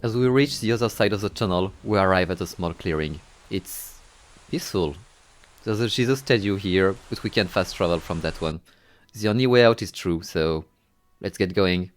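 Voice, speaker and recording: A video game reviewer and narrator with a low voice at normal speed reads a scripted narration of a horror game playthrough. He shifts between dramatic storytelling and wry, exasperated asides.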